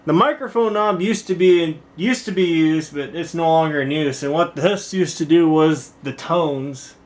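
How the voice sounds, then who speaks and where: A male video host with a fairly high, slightly mellow voice talks at a normal speed while casually demonstrating things around home rooms and a workshop. He rambles in stop-start phrases. The recording is clearly noisy, with clicks in the room.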